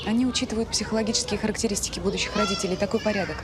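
An actress playing a cautious orphanage administrator who explains things in a measured, official manner in a TV drama. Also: female voice, medium pitch, fairly even intonation, very noisy, natural voice. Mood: cautious, formal. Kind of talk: TV drama acting. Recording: loud music under the dialogue.

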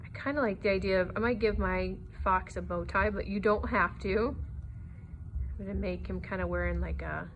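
A female art teacher with a mid-range voice teaches drawing step by step, encouraging and easygoing, at a moderate pace with fairly even intonation. The audio has its highs cut off, with faint room noise behind her.

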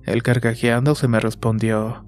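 Man, horror story narration, slow and measured, flat delivery, faint music behind. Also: medium pitch. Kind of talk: scripted first-person horror narration.

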